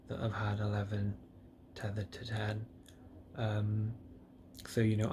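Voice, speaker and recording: A man in a drowsy, relaxed state after surgery, talking casually and haltingly to himself on a vlog, subdued and trailing off between phrases. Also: lowish voice. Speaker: patient vlogger recording a health diary. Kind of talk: casual solo vlog, rambling reflection. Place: indoors, alone in a private hospital room. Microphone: self-recording on a device with a screen. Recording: noisy room ambience.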